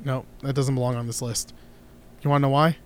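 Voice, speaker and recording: A man's voice: medium pitch, flat delivery, fairly quick. A man co-hosting a casual guitar podcast, talking in a rambling, opinionated way with many restarts. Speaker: podcast co-host. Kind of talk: casual chat.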